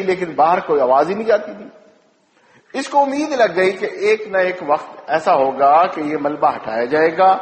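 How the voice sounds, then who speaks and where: High-voiced man preaching in an echoey hall. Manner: storytelling, emotive, slows for emphasis. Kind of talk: sermon.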